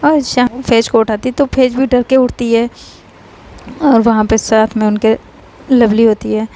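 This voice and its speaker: High-voiced woman casually telling a story. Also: flat delivery, mellow, rough recording. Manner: plain, unhurried retelling with pauses.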